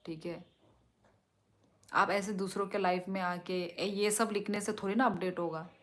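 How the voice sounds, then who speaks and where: This young Tripura woman, whose native language is Kokborok, reads viewer comments aloud on a live stream and answers them at a slow pace. Her medium-pitched voice has a fairly bright tone and fairly even intonation.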